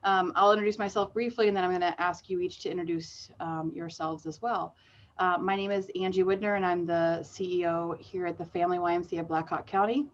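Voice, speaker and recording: A woman moderates a panel in a friendly, measured way. Her voice sits a little low. The audio is dull and lo-fi. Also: fairly even intonation.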